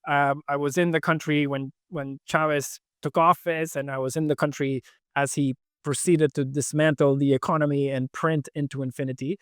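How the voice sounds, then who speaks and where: Relaxed articulate man from Venezuela. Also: a little high, moderate pace, smooth, dry recording, studio quality. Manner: relaxed and articulate, with frequent fillers. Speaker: guest, fintech co-founder. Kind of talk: conversational interview answers.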